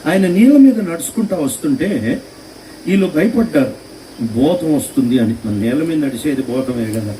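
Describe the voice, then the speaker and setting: A man preaching a sermon at a meeting, telling stories with lively rhetorical questions. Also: on the high side, moderate pace, recorded from a distance, slight background noise, low-quality recording. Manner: animated storytelling with rhetorical questions. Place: meeting hall.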